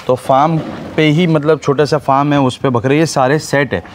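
On the high side and fairly even in intonation, this man's voice moves at normal speed with slight background noise. He's vlogging casually in an outdoor goat farm yard at a livestock farm, chatting with the seller and firing off one follow-up question after another.

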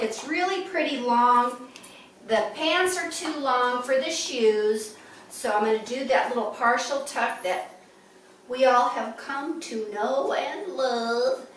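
A woman's voice: high-pitched, fairly bright tone, slight background noise. A woman in her fifties, a fashion vlogger chatting in an upbeat, casual way in her living room, recorded from across the room. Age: 50s. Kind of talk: casual show-and-tell. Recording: echoey room from far off.

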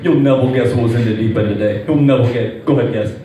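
Comic doing a gruff, slurring coach. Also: male voice, mid-range voice, fast, warm tone, pitched below the performer's own voice, lightly acted. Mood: goading. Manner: blunt, slightly slurred barking. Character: gruff middle-aged male coach with speech impediment. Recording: echoey club room from a distance.

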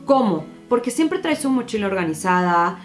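A woman's voice: mid-range voice, normal speed, faint music behind. A young adult woman, a former teacher giving parents advice in a casual vlog, telling stories and acting out the dialogue. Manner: animated storytelling, acting out dialogue with children.

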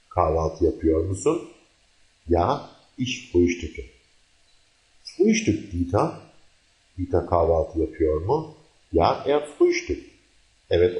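A man's voice: low voice, darkish tone, roomy sound. A man teaching a recorded language lesson, a native Turkish speaker who explains carefully and repeats each example sentence.

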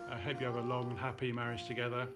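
A man's voice: medium pitch, little pitch movement, very fast. A man in his thirties earnestly wishing a couple well in a phone video message from home. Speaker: friend sending a wedding message. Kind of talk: warm selfie video message. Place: indoors at home. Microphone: phone camera. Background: music.

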